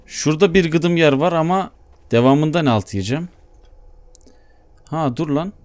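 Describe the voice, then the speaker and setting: A man giving Let's Play commentary, chatting to himself as he plays and bursting into excited shouts. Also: a little high, moderate pace. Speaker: gaming YouTuber.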